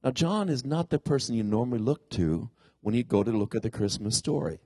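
Congested from a cold-like ailment following a tooth extraction, a middle-aged pastor gives a conversational sermon, pinning his stuffy voice on the pulled tooth and regularly posing questions to his listeners. His mid-range voice is expressive, a little fast and a little mellow with a breathy edge, and there's no room sound.

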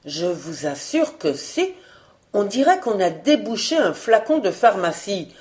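A woman's voice: mid-range voice, big pitch swings, measured pace, a little mellow. A woman voicing a young male museum guard, uneasy and stammering when alarmed.

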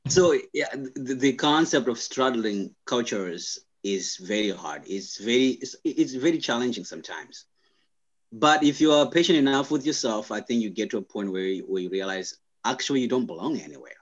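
A young man from Zimbabwe talks in a middle-pitched voice, reflective and unhurried, often stopping to restart his sentences. The sound is a little dull, like a lo-fi recording. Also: expressive. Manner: thoughtful, halting, many restarts and fillers. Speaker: guest. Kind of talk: conversational interview.

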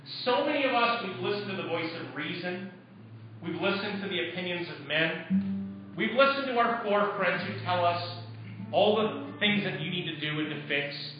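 High-voiced preacher in an echoey hall. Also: male voice, lively intonation, normal speed, faint music behind. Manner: emphatic preaching with rhetorical questions. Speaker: pastor. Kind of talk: sermon. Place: church. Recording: echoey church hall, mic far off, dull.

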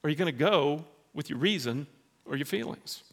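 A man voicing God in a sermon, speaking firmly and calmly. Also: fairly high pitch, moderate pace, creaky, in a large hall. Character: God speaking, calm and firm commanding.

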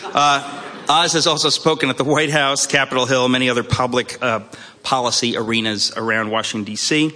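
A man introducing the evening's guest speaker in a friendly way, pausing often with fillers. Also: mid-range voice, steady tone, pushed and bright. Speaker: event host introducing the speaker. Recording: long hall reverb.

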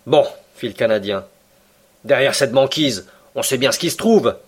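Man doing a blunt stubborn harpooner, gruff, impatient, slightly higher voice, audiobook. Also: expressive, moderate pace. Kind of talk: audiobook character reading.

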